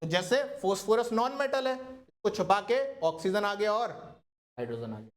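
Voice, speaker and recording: Chatty chemistry teacher quizzing students. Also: male voice, sits high, expressive, moderate pace. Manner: questioning, coaxing students to answer. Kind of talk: classroom lecture.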